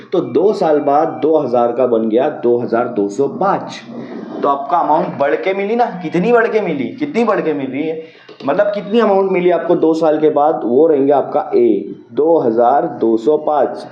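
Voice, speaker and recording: Patient male maths teacher, roomy lo-fi. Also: a little high. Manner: patient, repeats key steps, asks and answers own questions. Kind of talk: explaining a maths problem. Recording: roomy, dull lo-fi sound.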